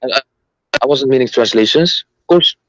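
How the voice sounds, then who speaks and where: A man taking part in a live online debate, speaking hesitantly and reading aloud haltingly. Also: medium pitch, fairly bright tone, no room sound, highs cut off. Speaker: debate opponent.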